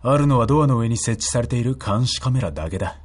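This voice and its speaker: A man's voice: medium pitch, animated, fast talker, breathy edge. A man playing a serious but easily exasperated special agent in a comedic audio drama, with terse military speech. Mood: serious, wary. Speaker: radio DJ playing a character.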